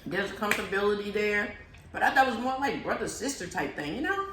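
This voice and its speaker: A woman's voice: medium pitch, animated, fast, noisy background. A woman co-hosting a casual TV recap chat, easygoing and opinionated, trailing off into fillers. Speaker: co-host. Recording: echoey room.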